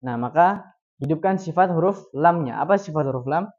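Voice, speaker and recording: A man teaching Quran recitation. He poses questions and answers them himself, and he repeats syllables slowly to demonstrate each sound. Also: fairly high pitch, lively intonation, darkish tone. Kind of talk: recitation lesson. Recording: dull lo-fi recording.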